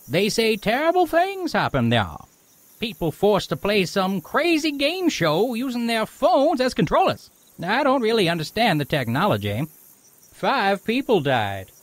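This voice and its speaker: A man's voice: sits high, no echo. An actor playing a jittery male townsperson who gossips in a dramatic way about a local tragedy.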